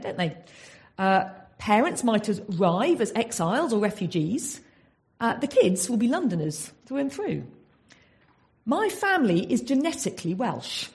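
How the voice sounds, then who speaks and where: Pitched fairly high and a touch mellow, this English woman gives an earnest Bible talk. She teaches in sermon style, repeatedly posing rhetorical questions to those listening.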